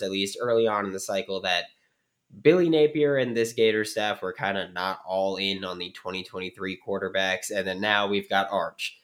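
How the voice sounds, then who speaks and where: A man's voice: fairly low pitch, fairly bright tone. A man with a congested voice, hosting a daily sports podcast in a chatty, upbeat way. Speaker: podcast host.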